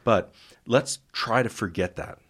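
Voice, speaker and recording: Male host, low husky voice, wry and easygoing. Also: measured pace, fairly bright tone. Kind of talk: casual podcast lesson.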